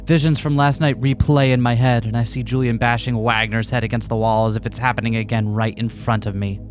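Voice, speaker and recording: A man's voice: medium pitch, flat delivery, a little fast, faint music behind. A man co-hosting a let's play, switching between casual commentary and reading a visual novel aloud with playful, theatrical asides.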